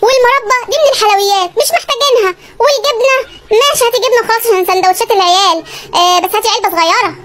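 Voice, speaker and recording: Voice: extremely high pitch, a bit bright, a little hiss or hum. A comic performer voicing a stingy, nagging husband with an Egyptian accent, haggling over every kilo in a sketch. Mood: scolding. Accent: Egyptian Arabic. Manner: scolding, haggling, fast-talking. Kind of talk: comedy sketch dialogue.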